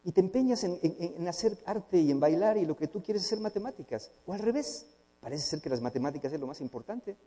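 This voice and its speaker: A man's voice: sits high, animated, fast talker, mellow. A man, a therapist giving a humorous, conversational talk to a live audience and acting out bits of dialogue. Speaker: therapist and speaker. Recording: long hall reverb.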